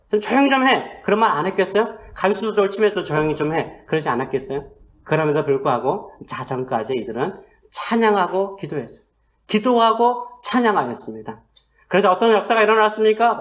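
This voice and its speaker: A male pastor delivering a sermon, asking rhetorical questions and swinging between loud emphasis and hushed asides. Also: on the high side.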